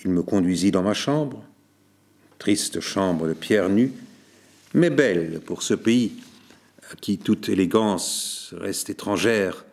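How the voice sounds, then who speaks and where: A man reading a literary story aloud as narrator, in a measured, deliberate way. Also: low-pitched, expressive, gravelly, a little mellow, husky.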